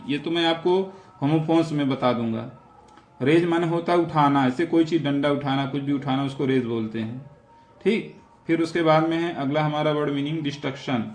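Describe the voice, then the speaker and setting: Man teaching vocabulary in an echoey room. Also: on the high side. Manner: repeats each word and its meaning, explains pronunciation. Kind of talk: spoken vocabulary lesson.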